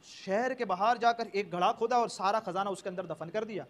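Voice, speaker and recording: A male preacher telling a story in a sermon, animatedly speaking the characters' lines in turn. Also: high-pitched.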